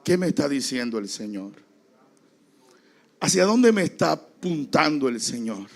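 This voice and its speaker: A man preaching a dramatic sermon as a pastor, acting out the voices in the story and rising now and then to a shout. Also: on the high side, big pitch swings, measured pace. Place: church.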